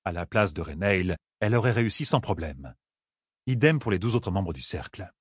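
A male narrator reading fantasy fiction with a lively, widely moving delivery. His voice is slightly husky and the recording is dry and close. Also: low-pitched, normal speed, no room sound. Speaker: audiobook narrator.

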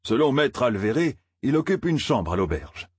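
A man's voice: mid-range voice, big pitch swings, normal speed, breathy edge, no echo, studio quality, pitched above the performer's own voice. A man voicing a jovial middle-aged farmer father who teases the young men. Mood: teasing.

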